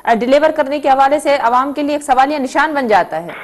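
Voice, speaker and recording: A woman's voice: high voice, a little fast. A woman hosting a news talk show, who presses her guests with questions and stumbles over her opening words.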